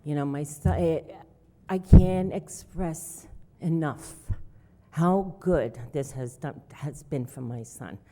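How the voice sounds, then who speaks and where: Very low, dark-voiced earnest mother. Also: takes it slowly. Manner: earnest, effusive, with fillers. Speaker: parent speaking at a hearing. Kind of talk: public comment. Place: village hall meeting room. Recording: reverberant hall.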